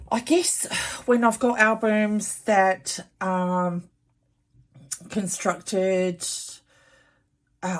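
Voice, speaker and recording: A woman hosting a casual craft tutorial in a chesty, congested voice, chatting informally and apologetically as she explains things to viewers. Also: medium pitch. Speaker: craft channel host.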